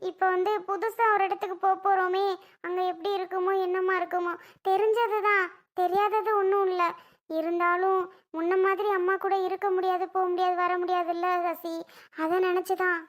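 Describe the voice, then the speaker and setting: Lady doing a weepy young bride, squeaky high voice, pleading. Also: little pitch movement, normal speed. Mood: tearful. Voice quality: high-pitched, sobbing. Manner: plaintive, pleading. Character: young tearful bride leaving her mother. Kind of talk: cartoon voice acting.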